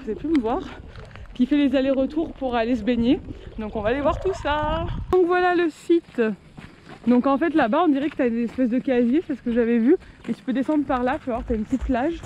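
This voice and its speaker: Female vlogger, very high pitch, casual spoken-to-camera delivery, clearly noisy surroundings. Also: dark tone, dull audio. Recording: noisy outdoor and vehicle background.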